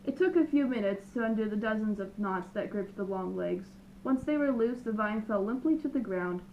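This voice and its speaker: A woman reading a children's picture book aloud with lively, expressive narration. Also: mid-range voice, moderate pace, narrow, tinny audio, slight background noise. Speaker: storyteller. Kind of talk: children's storybook read-aloud.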